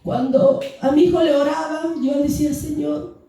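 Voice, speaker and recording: A woman's voice: sits high, fairly even intonation, moderate pace, mellow. Fervent woman testifying in an echoey church. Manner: earnest, fervent, addresses the congregation as brothers. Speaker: church member giving testimony. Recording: echoey church hall, distant mic, music behind.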